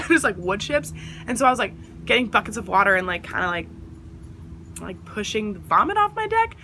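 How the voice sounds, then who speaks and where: A woman's voice: medium pitch, normal speed, a little hiss or hum. A young adult woman telling a casual storytime, rambling with lots of fillers and acting out what other people said. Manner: rambling, filler-heavy, animated quoting of others. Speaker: vlogger.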